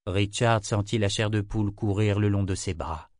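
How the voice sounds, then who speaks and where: A man reading a fantasy novel aloud in measured, scripted narration. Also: on the low side, darkish tone, dry recording, clean studio sound. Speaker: audiobook narrator.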